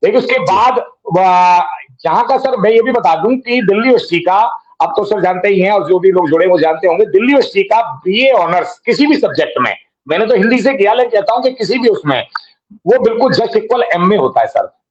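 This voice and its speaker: High-voiced man rambling over muffled call. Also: expressive, brisk. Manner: rambling, addresses the host as sir constantly. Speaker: guest. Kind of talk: casual reminiscing on a live online program.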